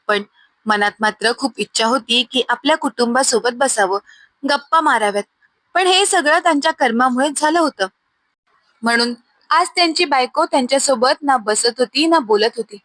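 A woman narrating a moral family story in a measured, even way. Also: high voice, no echo. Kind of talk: scripted narration.

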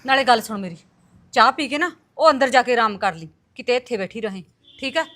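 A woman's voice: fairly high pitch, lively intonation, brisk, fairly bright tone, dry recording. A middle-aged woman playing a protective, firm village mother who scolds and orders her daughter around. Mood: affectionate, bossy. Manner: bossy, scolding. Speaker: mother and aunt. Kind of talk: film acting.

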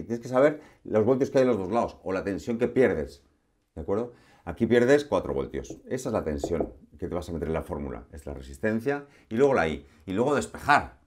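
A man's voice: lowish voice, darkish tone. Chatty man teaching a lesson. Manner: chatty, asks rhetorical questions, playful asides. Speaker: electronics teacher. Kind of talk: recorded lesson.

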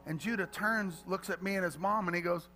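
A man preaching a sermon as pastor, swinging from quiet, joking asides to loud, shouted calls to the congregation. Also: high voice, fairly quick, music in the background. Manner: playful storytelling with church humor.

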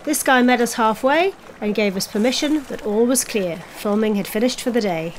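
A woman's voice: on the high side, moderate pace, background noise. A woman in her forties narrating a sailing vlog and chatting plainly about the boat's plans. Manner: relaxed, chatty, plain-spoken. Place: catamaran cockpit, outdoors. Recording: loud background music.

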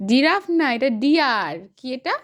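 A mother's high, swooping voice coaxes her toddler through picture words. She talks slowly and patiently, asking sing-song questions and heaping on praise. It is a casual home video. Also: very animated.

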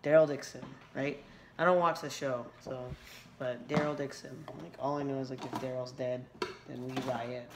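At night in a small room, a woman in her thirties unboxes something at home, her hoarse, scratchy, very deep voice rambling casually with lots of fillers and restarts. Her intonation stays fairly even at a normal speed, and a nearby camera's built-in mic captures her.

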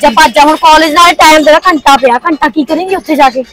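A woman's voice: high-pitched, quick pace, fairly bright tone, no room sound. A woman, playing a cautious friend who scolds and worries. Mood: worried. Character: anxious cautious young village woman friend. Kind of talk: village family drama acting.

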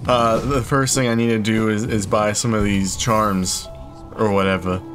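A man swears his way through a game with exasperated, comic rants. His voice sits low, and clear game music plays behind him. He riffs casually to his viewers. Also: flat delivery, moderate pace, a bit bright. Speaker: gamer playing through a game. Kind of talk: casual let's play commentary.

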